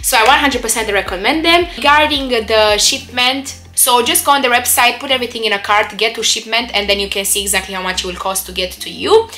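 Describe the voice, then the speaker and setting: A woman's voice: a little high, brisk, few pauses, pushed and bright, faint music behind. A young woman chatting casually and upbeat in a product review vlog, with rambling asides. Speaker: vlogger.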